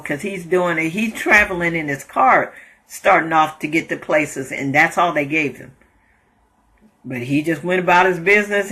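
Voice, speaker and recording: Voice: medium pitch, pushed and bright. A host telling a story in a casual monologue, laughing often and repeating phrases as they go. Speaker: host sharing inspirational thoughts.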